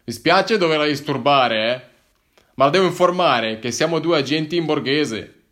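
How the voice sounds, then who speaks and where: A man's voice: fairly high pitch, lively intonation, normal speed, a bit bright, voice pushed up. Man doing a stern plainclothes policeman. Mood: formal. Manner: formal, firm, a little hesitant. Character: middle-aged male plainclothes narcotics officer, formal and stern.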